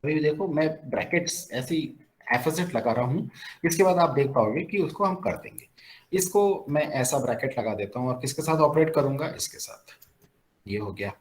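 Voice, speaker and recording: A man's voice: a little high, normal speed, slight background noise, low-quality recording. A man teaching logic in a classroom-style lecture, asking questions and answering them himself. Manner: lively, asks questions and answers them himself, mixes in English phrases. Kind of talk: classroom lecture on a recorded screen.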